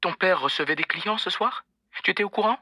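A man reading an audiobook, voicing a rich older mother who speaks calmly and coldly while recounting a shooting. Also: high-pitched, fairly quick, no echo, studio quality, voice pushed up, exaggerated voice. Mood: cold, anxious. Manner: calm, cold, disjointed. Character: cold, rattled older mother on the phone. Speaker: narrator voicing a character.

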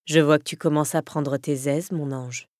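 A gruff, teasing young biker with a husky, low voice, as a woman reader puts him on. He speaks in a deeper register with a brooding edge. The audiobook recording is close and dry. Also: fairly even intonation, moderate pace, a little mellow, dry recording, close to an everyday voice. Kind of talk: audiobook character voice.

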